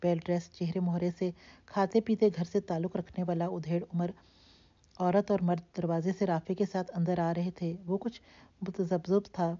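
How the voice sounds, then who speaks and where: Warm low-voiced woman reading a novel. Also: little pitch movement. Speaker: narrator. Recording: dull lo-fi recording.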